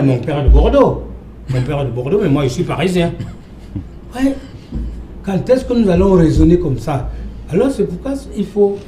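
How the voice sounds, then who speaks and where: An older man from Cameroon holds forth as a debate guest in a TV studio, emphatic and given to repeating himself. His voice sits a little high but mellow. The room is roomy and echoing, with a faint hum underneath. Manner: emphatic, lecturing, repeats phrases. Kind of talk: televised panel debate.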